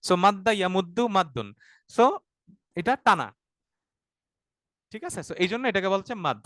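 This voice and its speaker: A man with a fairly high voice explains grammar patiently, going back over each point and checking in with his listeners. The sound is dry and close, with no room around it. He slips English words into his explanations. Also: very animated, moderate pace, fairly bright tone, dry recording. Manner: patient, repeats points and asks "ঠিক আছে?" often; mixes English words into Bengali. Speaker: Arabic grammar teacher. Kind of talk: explanatory online class.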